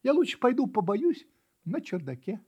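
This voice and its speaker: A man's voice: sits high, sing-song, normal speed, mellow, slightly rough, highs cut off, pitched above the performer's own voice, exaggerated voice. A man voicing a small, naive, curious ginger kitten in a storybook reading, sounding earnest and puzzled. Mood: thoughtful.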